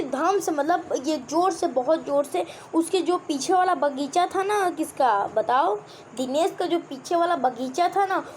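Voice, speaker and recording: Brief: young woman teacher, high voice, explains a kids' story line by line, asks the class questions, faint background hiss. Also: darkish tone. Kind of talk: explaining a children's textbook chapter.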